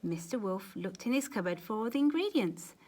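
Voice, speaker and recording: A woman storyteller and teacher reads a children's storybook aloud with animated, dramatic emphasis and quiet asides to her young listeners. Her pitch is medium and her pace a little fast, making for an expressive read-aloud.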